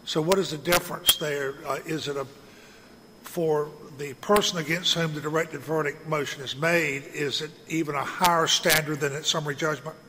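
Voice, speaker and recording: A man presiding as a judge, speaking formally and haltingly as he questions counsel in court. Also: on the high side, steady tone. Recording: echoey hall with faint noise.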